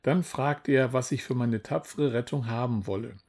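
This husky-voiced man, lightly acting, portrays a grumbling, self-praising older knight who is a proud father in a children's storybook. His voice is mid-range and a little mellow, at normal speed.

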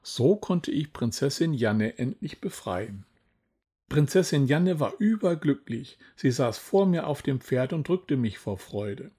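In a children's storybook, a man plays an older knight and proud father full of grumbling self-praise, his voice husky and dark-toned. He keeps a medium pitch with big swings and an unhurried pace.

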